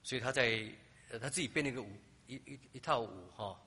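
In a large hall, a man with a medium-pitched, bright, forceful and slightly rough voice preaches quickly. He tells a story, acting out quotes from the scenes, and keeps closing his phrases with the tag "ha".

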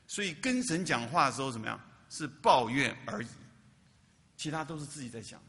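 A man's voice: medium pitch, expressive, a little fast, sharp tone, big-room sound. A man preaching a sermon as a pastor, often asking the congregation questions and repeating words for emphasis.

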